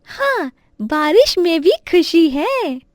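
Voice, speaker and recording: A woman doing a very high little cartoon girl. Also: very animated, takes it slowly, no room sound, studio quality, full character voice. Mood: cheerful. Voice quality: high, childlike. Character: young schoolgirl, sensitive, later cheerful. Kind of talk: cartoon voice acting.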